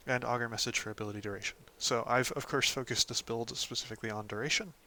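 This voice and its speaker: A man hosting a casual game guide, talking through a character build in a relaxed way, with frequent "um"s and "of course"s. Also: medium pitch, fast. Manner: relaxed, lots of ums and "of course". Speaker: gaming channel host.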